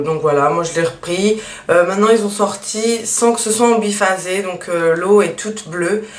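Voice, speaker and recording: A woman chatting casually through a beauty haul, with lots of fillers and a steady stream of small asides. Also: on the low side. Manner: chatty, many fillers and "donc voilà". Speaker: beauty vlogger. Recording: echoey room, mic at a distance, faint hiss.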